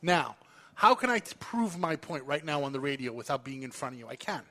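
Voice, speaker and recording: A man's voice: fairly high pitch, sing-song, brisk, pushed and bright. A man hosting a casual radio chat show, arguing his point emphatically and teasing his co-host.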